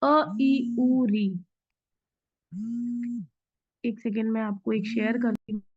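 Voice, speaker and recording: A woman's voice: a little high, steady tone, slow, slightly rough. A woman teaching an online grammar class, explaining patiently step by step with examples. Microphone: video call. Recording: dull lo-fi online class audio.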